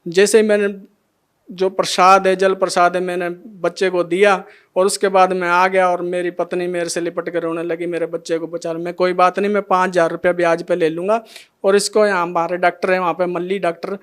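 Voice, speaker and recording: Here the middle-aged devotee speaks briskly with a flat delivery, his high voice smooth. He recounts his testimony emotionally, playing out every line of each scene's dialogue.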